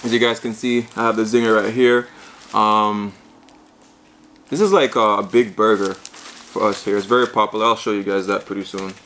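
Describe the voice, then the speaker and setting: A Jamaican man eating and unpacking takeout for a casual mukbang vlog, chatty and excited. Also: on the low side, moderate pace, a little hiss or hum. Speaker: vlogger. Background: bag crinkling.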